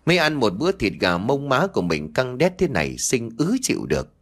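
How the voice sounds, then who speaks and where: A man's voice: mid-range voice, wildly swooping pitch, a little fast, fairly bright tone. A man voicing a greedy, spiteful village daughter-in-law who nags and scolds sharply in a storybook reading. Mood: smug.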